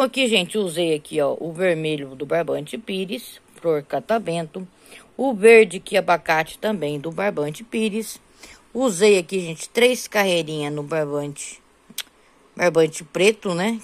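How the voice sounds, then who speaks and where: A middle-aged Brazilian woman chatting casually in a home crochet vlog, showing her rugs and counting rows aloud. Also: on the low side. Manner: chatty, repeats "gente" and "tá bom" constantly. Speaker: crochet vlogger.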